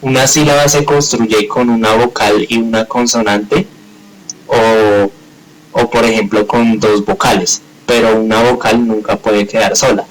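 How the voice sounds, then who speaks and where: A male teacher with a fairly low voice walks his class through the grammar. He explains patiently, repeats each point and keeps checking in with the students. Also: fairly even intonation, unhurried, faint music behind, low-quality recording. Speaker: English teacher. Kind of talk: live online grammar class.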